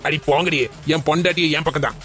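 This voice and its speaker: A man's voice: on the high side, steady tone, fast talker, fairly bright tone, soft background music, voice pushed down, lightly acted. A man doing a brash drunk cartoon father. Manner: brash, mocking, defiant. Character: drunk, boastful middle-aged father.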